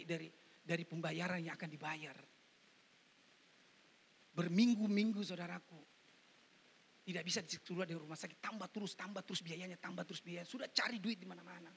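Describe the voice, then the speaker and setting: A man's voice: sits high, gravelly, fairly bright tone, a little hiss or hum. A man who is an evangelist preacher, preaching a sermon, often addressing listeners as brothers and sisters and acting out the people in his stories. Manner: acts out quoted speech in story sermons. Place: church, online service.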